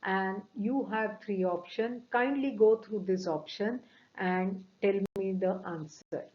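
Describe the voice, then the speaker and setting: A woman teaching medical coding from slides, methodical, often pausing on "uh" and stressing key words. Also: mid-range voice. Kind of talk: lecture walking through slides. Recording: dull lo-fi audio.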